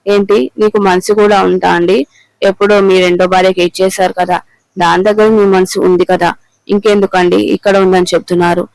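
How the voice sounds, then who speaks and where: A man reading the lines of an angry middle-aged wife who accuses her husband of betrayal, in an even, clear voice. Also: on the low side, fairly quick, no echo, poor audio. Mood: accusing. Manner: accusing, bitter.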